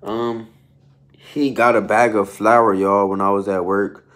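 Holding his phone low at arm's length, a young man in his twenties films a travel vlog in an airport terminal, a walkway, and a parked car, chatting with viewers in laid-back slang. His voice is lowish, level, a bit bright, and slightly slow, against a noisy background.

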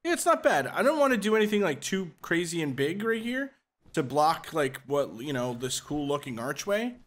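A man's voice: a little high, expressive, normal speed. A man hosting a gaming channel, giving casual gameplay commentary with joking instructions and frequent laughter.

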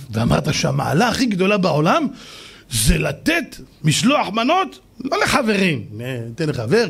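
A rabbi with a high voice preaches in a storytelling style. His pitch swings widely as he acts out each person in the story with lively, dramatic delivery. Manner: animated, acts out the people in his stories. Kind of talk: storytelling sermon.

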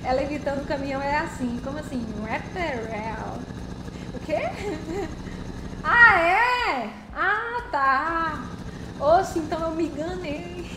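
A woman, chatting casually with her viewers as a live streamer while gaming, giggling and unable to stay serious. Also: sits high. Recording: roomy echo, loud vehicle game noise.

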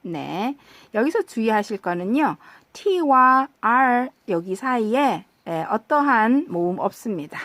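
A woman teaching a slow English lesson, patiently repeating short phrases for practice. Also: fairly high pitch, very animated, fairly bright tone, no echo.

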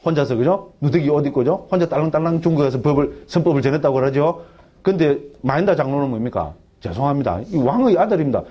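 A man, a Buddhist monk, giving a lively dharma lecture in a Gyeongsang dialect, often asking his listeners for agreement. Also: a little high, fast talker. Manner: keeps asking the audience for agreement, animated and colloquial. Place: temple education hall.

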